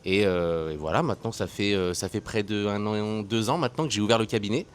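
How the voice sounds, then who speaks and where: In a casual interview, a French entrepreneur in his thirties talks as a guest, frank and conversational with plenty of hesitation. He has a fairly low voice and speaks fairly quickly, and there is a little hiss or hum.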